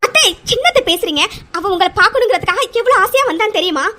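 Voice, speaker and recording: A woman's voice: extremely high pitch, expressive, fast, sharp tone, a little hiss or hum, full character voice. Woman doing a defiant, protective mother. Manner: firm, pleading then defiant.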